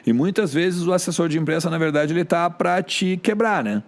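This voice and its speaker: Chatty southern Brazilian man, slightly high. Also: a little fast. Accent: Rio Grande do Sul Portuguese. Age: middle-aged. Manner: animated, colloquial, with frequent filler tags. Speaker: sports journalist guest. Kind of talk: casual podcast storytelling.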